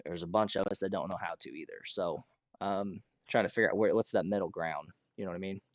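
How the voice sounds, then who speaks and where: Casting: male American game streamer, lowish hoarse voice, rambling casual chat with throat clearing, dry close mic. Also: fast, no echo. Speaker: streamer hosting a Minecraft realm. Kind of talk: casual livestream chat while gaming.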